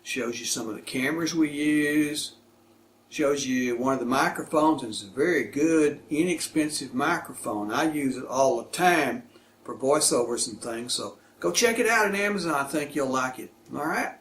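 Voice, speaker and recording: In an echoey indoor room with clear background noise, a man hosts a casual unboxing demo as a product reviewer and video host. He talks in short, plain, folksy phrases, his medium-pitched voice a bit bright and moving at a moderate pace.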